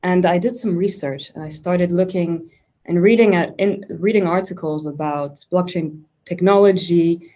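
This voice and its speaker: A woman's voice: on the low side, normal speed, mellow. A woman from Switzerland, a guest in a conversational interview, talking thoughtfully with frequent restarts. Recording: dull lo-fi sound.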